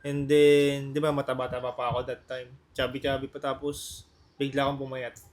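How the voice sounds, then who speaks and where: A man from the Philippines chatting casually on a podcast, getting animated when he remembers things. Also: medium pitch, moderate pace. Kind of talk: casual chat.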